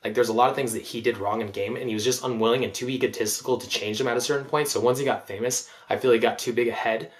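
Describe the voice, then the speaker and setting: A man's voice: mid-range voice, fairly even intonation, fast, few pauses. A man giving casual reaction commentary as a dating coach, rambling with many fillers and frequent swearing.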